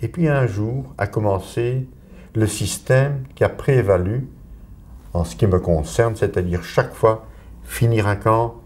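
A man's voice: lowish voice, measured pace, darkish tone. A man in his eighties with a Belgian French accent, giving his testimony as a survivor and telling it vividly to young listeners. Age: 80s. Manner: vivid storytelling, acting out quoted voices. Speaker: Holocaust survivor witness.

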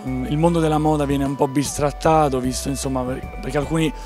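A man's voice: medium pitch, steady tone, fairly quick. A man working as an interviewer at an event, putting polite, wordy questions. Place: outdoor street at night. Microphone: handheld interview microphone. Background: music.

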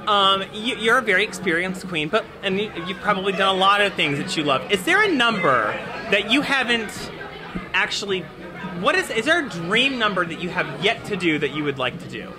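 A man's voice: expressive, over music. A man interviewing a guest with a handheld mic in a busy restaurant, gushing and effusive. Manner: gushing, effusive, quick swings in pitch. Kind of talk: casual interview chat. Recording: crowded restaurant chatter behind. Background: restaurant crowd chatter.

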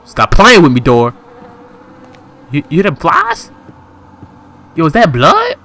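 A young man narrates his gameplay in a comedic let's play, jumping from mutters to panicked shrieks. His voice sits high and bright, with a wildly swinging pitch. He talks in loose slang. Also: wildly swooping pitch, slow pace. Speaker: gaming video host.

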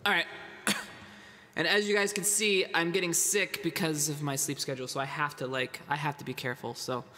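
This man in his thirties, a music livestreamer with a head cold, rambles casually to his chat from a dimly lit home room, speaking directly to viewers. His voice is slightly high with little pitch movement, fairly quick, bright, and forceful. Guitar music plays under added reverb.

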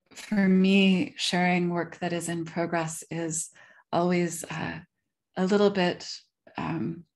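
A woman gives a guest lecture over a video call, speaking slowly and deliberately. Her voice sits on the low side. She sounds careful and considerate of her audience. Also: darkish tone. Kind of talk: online academic lecture.

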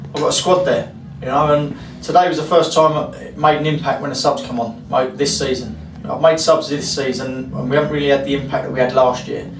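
Rambling football manager. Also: male voice, mid-range voice, fairly even intonation, a little fast, few pauses. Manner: frank, rambling, many fillers. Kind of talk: post-match interview. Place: club interview room, indoors. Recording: roomy echo, distant mic, faint hiss.

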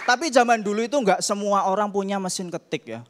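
A man's voice: high-pitched, fast talker, a crowd in the background, background noise. A male stand-up comedian performing on stage, mimicking typewriter clicks and camera shutters as he tells his bits. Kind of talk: stand-up routine. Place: comedy stage before a live audience.

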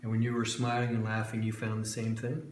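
A man's voice: fairly low pitch, monotone, quick pace. A man leading a blindfold exercise, patiently asking a series of questions as he guides a live demonstration. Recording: roomy echo, faint background hiss.

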